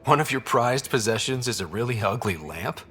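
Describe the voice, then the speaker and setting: Lightly acted and fairly bright, a man's mid-range voice brings an earnest young space explorer to life in a video game, plain and easygoing in a friendly, casual mood. He speaks at a moderate pace with lively intonation, and there is a little hiss or hum.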